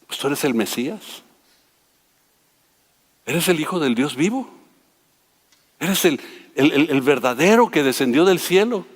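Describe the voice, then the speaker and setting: A man doing an earnest, halting disciple. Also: on the high side, expressive, husky. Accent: Mexican. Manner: halting, searching for words. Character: Peter, earnest male disciple. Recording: long hall reverb.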